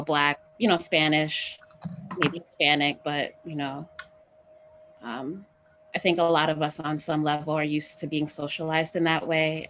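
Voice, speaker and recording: A woman's voice: low-pitched, a bit bright, a little hiss or hum. A young woman in a casual group discussion, talking loosely with many "like"s and "you know"s.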